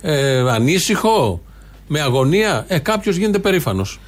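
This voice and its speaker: A man's voice: a little high, sing-song. Sarcastic male comedy co-host. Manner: sarcastic, mocking. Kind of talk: casual satirical chat.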